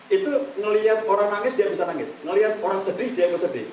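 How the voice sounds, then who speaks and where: A middle-aged man giving a live workshop on counseling to an audience. He talks in a lively way and acts out examples in quoted voices. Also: sits high, fast, slight background noise. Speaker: counseling trainer. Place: meeting room with a live audience. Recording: echoey room from far off, faint ambience.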